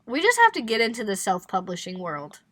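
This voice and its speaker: A young woman co-hosts a casual book podcast, retelling the plot in an animated, laughing way, and she swears freely. Her voice sits in an ordinary middle register. The sound is close and dry, with no room around it. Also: mid-range voice, brisk, no echo. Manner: laughing, animated storytelling with expletives. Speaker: podcast co-host. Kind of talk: casual book recap chat.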